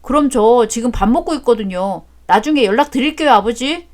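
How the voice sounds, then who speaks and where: A blunt grown-up son, voiced by a woman narrator, answers his father in a flat, cheeky way. The voice is fairly high, and it is a storybook drama. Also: fairly quick, natural voice.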